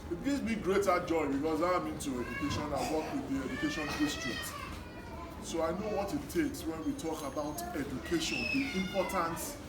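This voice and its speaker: A middle-aged Nigerian man speaks to a group of children in a fairly high voice. He delivers his encouraging talk in deliberate, short phrases, repeating words for emphasis. He is picked up from a distance in an echoey room. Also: wildly swooping pitch. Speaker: guest speaker, education worker. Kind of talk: motivational talk to schoolchildren. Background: noise, small children.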